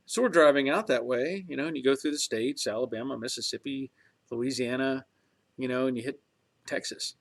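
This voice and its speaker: A creaky, medium-pitched voice moving fairly quickly belongs to a man in his early fifties hosting a casual livestream. He reads viewer comments and chats reflectively and ramblingly, with lots of fillers and restarts.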